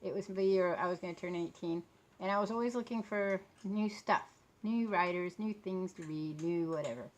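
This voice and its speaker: Tired lady late 50s, lowish voice, rambly vlog chat, talking a bit funny w a swollen lip and sore throat. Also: moderate pace. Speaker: vlogger talking about books and authors.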